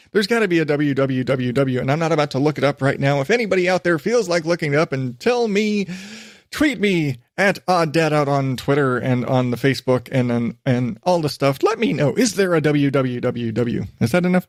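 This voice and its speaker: A man from the western United States hosts a rambling solo podcast on a studio microphone, with dry, clean studio sound. His fairly high voice is animated and fairly quick, and he's chatty and self-deprecating, drifting from one digression to the next.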